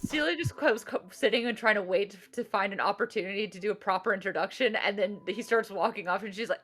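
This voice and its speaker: A woman's voice: medium pitch, fast talker, fairly bright tone. A woman chatting casually as a player in a tabletop role-playing game.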